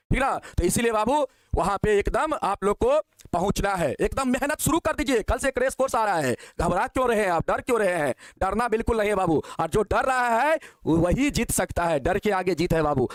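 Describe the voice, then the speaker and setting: A male maths teacher, coaxing and encouraging as he works through problems. His voice sits very high. The sound is dry and close, with no room. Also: no echo. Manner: coaxing, calls students "babu", asks quick questions. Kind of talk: online exam-prep lesson.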